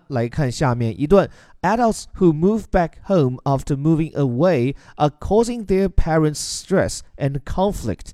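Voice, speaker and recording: A man's voice: fairly high pitch, warm tone, no echo, clean studio sound. A man who teaches as a podcast host, patiently explaining an English news article word by word with examples.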